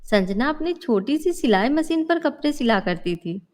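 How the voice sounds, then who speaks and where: A woman narrating a cartoon story in a steady, explanatory way. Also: high voice, moderate pace.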